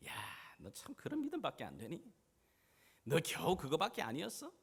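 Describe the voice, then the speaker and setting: A man preaching in the voice of Jesus, a gentle but firm grown man, speaking in earnest, pleading address that rises to impassioned urging. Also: a little high, huge pitch swings, normal speed, creaky, breathy edge, pitched above the performer's own voice, full character voice. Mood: gentle reproach. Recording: church hall reverb.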